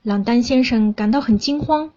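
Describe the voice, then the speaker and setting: Young woman from china reading a story aloud, calm, bit husky, kinda muffled recording. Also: fairly high pitch, normal speed. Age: young adult.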